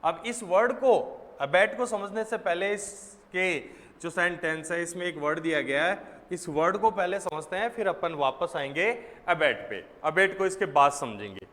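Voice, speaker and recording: A man's voice: high voice, moderate pace, fairly bright tone. Man teaching vocabulary, reverberant room. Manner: explains step by step, repeats key words, asks and answers his own questions. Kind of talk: exam vocabulary lesson.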